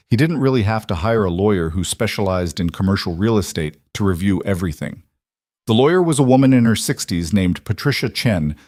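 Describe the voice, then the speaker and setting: A man narrates a story in a calm, even storytelling voice, pitched a little low. The sound is dry and close, with no room around it. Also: dry recording. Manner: calm storytelling, reading every part in one steady voice. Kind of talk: scripted narration.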